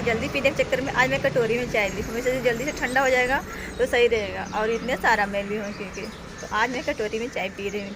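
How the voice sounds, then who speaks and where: A young woman from India talks through her day in a casual home vlog. Her voice sits fairly high, and she rambles along chattily, linking each thought to the next in an easy voice-over. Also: noisy background. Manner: chatty, rambling, repeats "kyunki" and "na"; speaks as a voice-over, not to camera. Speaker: vlogger. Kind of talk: casual daily routine vlog.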